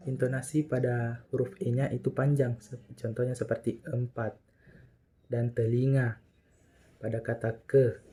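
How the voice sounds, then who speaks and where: A young man giving a class presentation, slowing down carefully to pronounce example words. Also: medium pitch, dark tone. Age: young adult. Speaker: student presenter.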